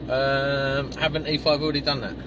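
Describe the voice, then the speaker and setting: A man's voice: mid-range voice, level tone, normal speed. A man with a south London accent, chatting casually and teasing his passenger while driving, in a blokey, jokey way. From Croydon, south London. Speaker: host driving and interviewing a guest. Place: inside a moving pickup truck. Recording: clear road and car noise.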